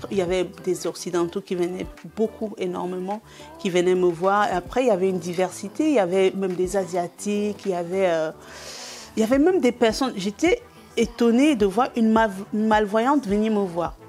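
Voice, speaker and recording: A woman's voice: mid-range voice, brisk. A woman comedian from Cameroon recounts her path in an easygoing, storytelling way, with a mid-range voice. She slips into short acted exchanges and laughs easily as she talks, and faint music plays underneath. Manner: lively, acts out dialogue, laughs often. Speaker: stand-up comedian, interview guest. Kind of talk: relaxed anecdotal storytelling.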